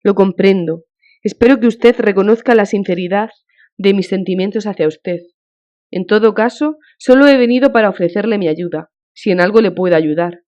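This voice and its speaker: A woman's voice: mid-range voice, moderate pace, a little mellow, close to an everyday voice. A woman reading an audiobook, voicing a devout countess who speaks in a fervent, consoling, emotional way, on a dull lo-fi recording.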